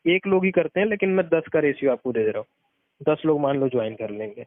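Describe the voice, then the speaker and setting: Talking a little fast in a slightly high voice, an experienced ex-network marketer gives casual, emphatic phone advice, going back over his points to stress them. The narrowband recording is muffled and dry.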